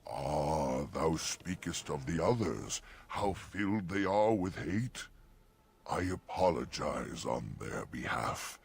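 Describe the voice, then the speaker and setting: A man voicing an ancient, gentle, solemn talking oak tree in a fantasy game, speaking archaic rhyming couplets. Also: rumbling low, very animated, takes it slowly, gravelly, husky, exaggerated voice. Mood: apologetic, courteous.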